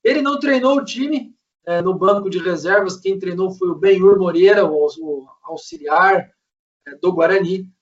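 A man's voice: high-pitched, normal speed. A man with a Brazilian accent hosting a casual football recap and discussion. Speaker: host of a football fan show. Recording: dull, distant microphone.

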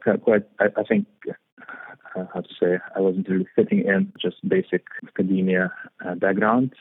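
A young Lithuanian startup founder is interviewed over a tinny, phone-like line, speaking hesitantly with many fillers and repeated words. His voice is low-pitched and slightly rough, and the recording is dry.

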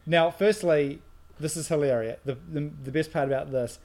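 A man co-hosting a podcast dissects a film in relaxed conversation, rambling animatedly and restarting his sentences along the way. His voice is on the high side, with a moderate pace and a darkish tone.

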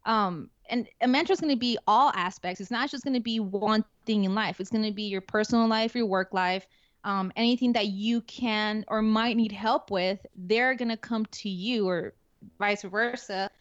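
In a dull, dry lo-fi recording, a young adult woman with a Spanish accent speaks as an interview guest; she is a security forces NCO. She uses a medium pitch at normal speed, talking casually with plenty of fillers and restarts.

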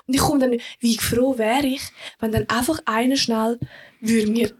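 Swiss German woman, young, co-host, high-pitched and slightly husky, animated storyteller for casual podcast chat. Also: moderate pace. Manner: animated storyteller, acts out quoted voices.

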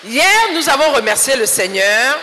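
A man preaching in French in a church, speaking slowly and emphatically, pausing for an interpreter. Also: very high voice, sing-song, slight background noise. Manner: slow, emphatic preaching, rising to shouts. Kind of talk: sermon in a church. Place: large church hall. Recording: echoey hall with faint ambience.

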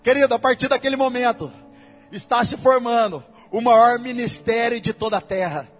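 A Brazilian man preaching in a church with a very high voice. He keeps the sermon casual and full of slang and speaks straight to the congregation. Soft music plays behind him. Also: normal speed. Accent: Brazilian Portuguese. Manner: casual, slangy preaching that addresses listeners directly.

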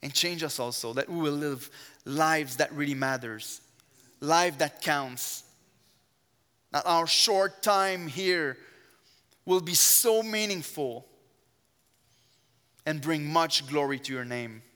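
Slow and pausing often, a French-speaking guest preacher with a strong accent prays fervently and then preaches in a church sanctuary. His voice runs on the high side, bright and forceful yet clean in tone, with earnest emphasis. The church's long hall reverb trails his words.

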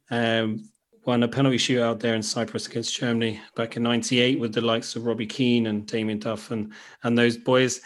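An Irish-accented man hosting a casual interview, speaking informally and haltingly as he rephrases his thoughts. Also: medium pitch. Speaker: podcast host.

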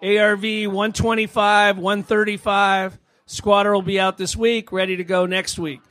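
A man pitching a property at an investors' meeting in short, clipped phrases. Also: little pitch movement, normal speed, fairly bright tone. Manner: clipped, terse listing. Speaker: real estate seller pitching a property.

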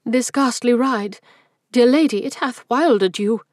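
A man voicing a gentle, anxious young maiden in a dramatic poetry reading, speaking softly and pleadingly. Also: extremely high pitch, measured pace, no echo, clean studio sound, voice pushed up. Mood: tender.

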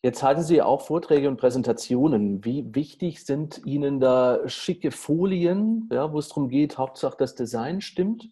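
A man interviewing a guest, asking measured, polite questions. His voice is mellow and dark, with a husky edge, and sits at a middle pitch. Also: animated.

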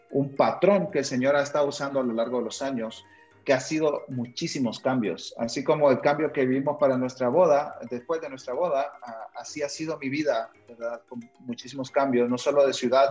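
A man's voice: mid-range voice, darkish tone, highs cut off. A young man from Honduras with a Honduran accent, a missionary telling his personal story in a radio interview, hesitant, with frequent fillers and tag questions. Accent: Honduran Spanish. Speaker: missionary guest.

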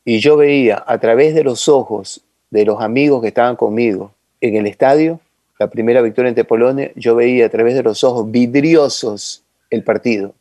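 A man from Ecuador, a football commentator telling lively anecdotes in an interview and calling the listener "brother". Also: mid-range voice, normal speed, no room sound. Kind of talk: interview storytelling.

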